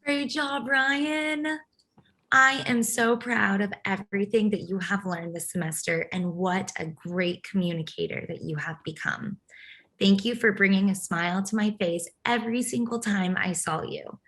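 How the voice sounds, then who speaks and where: A woman's voice: mid-range voice, normal speed, fairly bright tone. A mid-voiced woman, proud and fond, for a short ceremony tribute. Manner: proud and affectionate.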